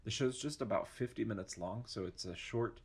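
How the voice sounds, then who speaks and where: Low, husky-voiced man chatting about opera. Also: normal speed. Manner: chatty, enthusiastic, frequent fillers and restarts. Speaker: opera education director. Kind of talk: casual podcast interview.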